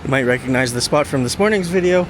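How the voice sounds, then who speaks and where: A man with a mid-pitched voice vlogs casually while out running. He speaks in short, halting phrases with pauses between them. Clear outdoor noise and passing cars sit behind his voice. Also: animated. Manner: talking while out running and walking. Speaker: running vlogger. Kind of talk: casual vlog talk to camera. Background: traffic and outdoor ambience.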